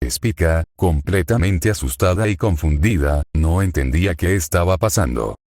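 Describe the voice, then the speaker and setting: Deep synthetic male story narrator. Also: moderate pace, no echo, clean studio sound. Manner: even, reads speaker tags and notes aloud. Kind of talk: synthetic fan-fiction narration.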